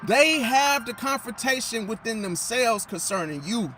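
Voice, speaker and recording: An astrology commentator talks casually to viewers in a high, slightly hoarse voice that's pushed and bright, with lively intonation and an unhurried pace. He lectures in a preachy, emphatic rhythm, repeating phrases, circling back to his point and answering his own rhetorical questions, while faint street traffic hums behind.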